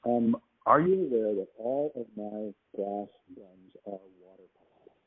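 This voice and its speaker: A man's voice: on the low side, animated, unhurried, husky. A man talking on a phone call, laid-back and hesitant, with a patchy, cutting-out line. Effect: heard over a phone line. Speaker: artist taking a phone call.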